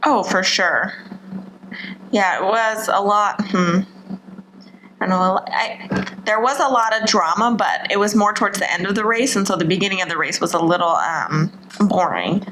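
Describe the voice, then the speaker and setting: A woman's voice: medium pitch, lively intonation, normal speed, background noise. Playful woman co-hosting a podcast. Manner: playful, joking. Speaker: podcast co-host. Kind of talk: casual chat.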